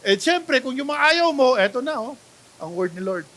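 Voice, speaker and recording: A Filipino pastor preaching in a church, his voice high and bright. He keeps checking with the congregation, asking "di ba?" and "right?". He swings from loud exclamations to soft asides. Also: big pitch swings, moderate pace. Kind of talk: sermon, Taglish preaching. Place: church sanctuary.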